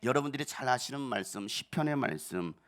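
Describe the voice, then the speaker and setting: Preaching a sermon, a middle-aged pastor speaks emphatically and poses rhetorical questions, swinging between soft and loud passages. His voice is mid-range with lively intonation and a slightly fast pace.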